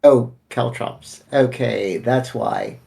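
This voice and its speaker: A man's voice: mid-range voice, animated, slow pace, vocal fry, warm tone, husky, faint music behind. A man chatting casually as a player in a tabletop game. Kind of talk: casual chat.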